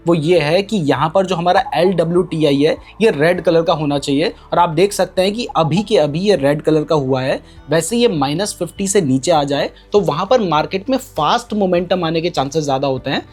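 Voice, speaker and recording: A man's voice: on the high side, animated, normal speed, few pauses, darkish tone, soft background music. A man explaining a trading strategy in a chart tutorial, pointing things out on screen and mixing English terms into his speech. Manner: mixes English terms into Hindi. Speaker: trading educator.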